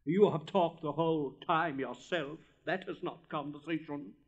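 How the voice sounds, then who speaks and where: A man's voice: on the high side, measured pace, voice pushed up. A man voicing a vain, pompous male firework rocket in a storybook reading, drawing out his words with haughty self-importance. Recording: dull lo-fi recording.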